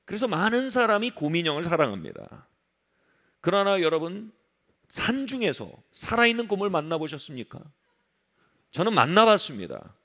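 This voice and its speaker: A man preaching a sermon as pastor of a church, emphatic, dropping to low soft tones to stress points and acting out the voices of people he quotes. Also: wildly swooping pitch, normal speed. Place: church sanctuary.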